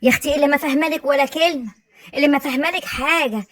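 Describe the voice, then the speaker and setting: An actress playing a loud, blunt working-class mother-in-law with an Egyptian accent in a comedy sketch. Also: high voice, rapid-fire. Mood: indignant.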